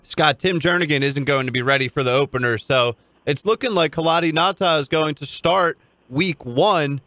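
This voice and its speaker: A man's voice: on the high side, moderate pace, pushed and bright, dry recording. A man hosting a sports talk show, putting conversational questions to a reporter. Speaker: sports radio host.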